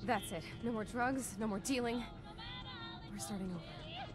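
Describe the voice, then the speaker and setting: In this video game dialogue, a woman with a natural voice on the high side plays a protective sister, a weary, tough young vault dweller who speaks bluntly and informally. At a moderate pace she comes across as relieved and determined, while game music plays.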